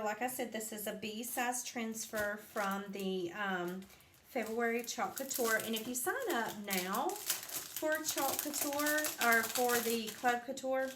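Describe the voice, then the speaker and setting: Woman, unhurried and sleepy, rambling craft demo; roomy echo, faint hiss behind. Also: on the high side, a bit bright. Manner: chatty, rambling, full of ums and asides. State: sleepy, yawning. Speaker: craft vlogger. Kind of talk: live craft demonstration. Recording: echoey room, faint background noise.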